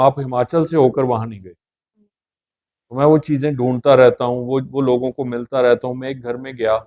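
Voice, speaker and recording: A podcast guest, middle-aged and medium-pitched, talks through his opinions in a relaxed interview, though the recording sounds muffled. His manner is earnest and thoughtful.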